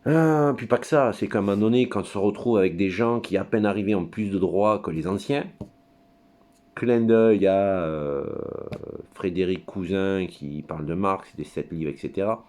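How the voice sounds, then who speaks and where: Deep-voiced man rambling crudely. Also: normal speed, a little mellow. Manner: crude, digressive, hesitant with many fillers. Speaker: commentator. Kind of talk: rambling monologue. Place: at his computer.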